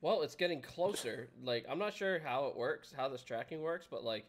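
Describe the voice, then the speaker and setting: A man's voice: medium pitch, lively intonation, moderate pace, slight background noise. A man live-streaming a video game, chatting casually with viewers in a rambling way and laughing often. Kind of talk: casual gameplay commentary.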